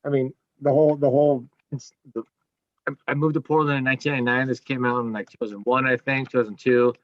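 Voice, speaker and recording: A man co-hosting a casual music podcast, rushing through a rambling list with casual swearing. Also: medium pitch, level tone, dry recording. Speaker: podcast co-host. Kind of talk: casual chat. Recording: dull, dry lo-fi mic.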